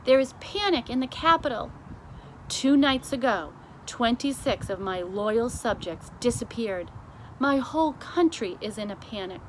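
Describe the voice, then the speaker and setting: A woman's voice: on the high side, expressive, unhurried, a little hiss or hum, low-quality recording. A woman voicing an agitated, testy, panicky king in a story, exclaiming indignantly. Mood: panicked.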